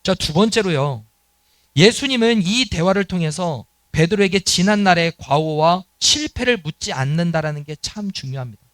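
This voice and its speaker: A middle-aged man delivers a sermon to his congregation, his voice pitched high and swinging widely in pitch. He dramatizes quoted lines with earnest feeling. The sound is dry and close, with little room echo. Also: expressive, moderate pace, a bit bright. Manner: earnest preaching, acting out quoted dialogue. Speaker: pastor. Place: church sanctuary.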